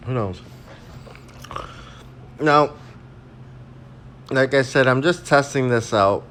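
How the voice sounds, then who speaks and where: A man rambles through a crude, casual rant, recorded on a phone while he snacks. His pitch swings widely from low mutters to sudden high bursts. A faint background hiss sits under the voice. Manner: crude, rambling, frequent fillers. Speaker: vlogger.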